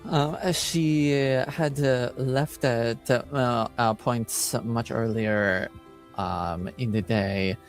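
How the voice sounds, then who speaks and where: Acting as game master for a tabletop roleplaying game, a man improvises narration, halting as he hunts for words. His mid-range voice stays steady, with faint music behind him.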